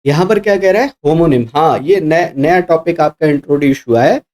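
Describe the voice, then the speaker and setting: A man's voice: fairly high pitch, brisk, a little mellow. A male teacher for exam prep who explains answers step by step, spells letter by letter and corrects himself as he goes. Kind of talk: explaining mock test answers.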